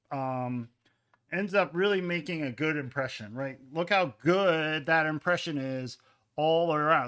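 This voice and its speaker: A man's voice: a little high, pushed and bright. A man demonstrating pottery in his studio on a live stream, talking in a casual, chatty way with lots of fillers and asides. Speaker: ceramics teacher.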